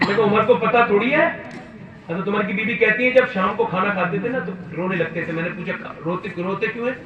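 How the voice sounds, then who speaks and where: A man preaching a sermon, shifting between quiet storytelling and loud impassioned shouting, and sometimes scolding his listeners. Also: high-pitched, dull audio, a crowd in the background. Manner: swings from soft storytelling to shouted climaxes; scolds the audience directly. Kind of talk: impassioned religious speech. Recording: echoey hall, voice from far off, faint ambience.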